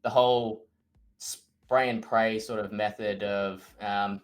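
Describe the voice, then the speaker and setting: A man's voice: on the low side, fairly even intonation, slow pace. A man hosting a casual podcast, agreeable and hesitant, with sorta and um fillers. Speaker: podcast host.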